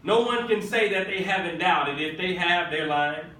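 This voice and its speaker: A man preaching a sermon as pastor. He speaks emphatically, repeats his phrases, and builds up to shouts. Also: high-pitched, fairly even intonation, normal speed, slight background noise. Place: church sanctuary. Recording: echoey church from a distant mic.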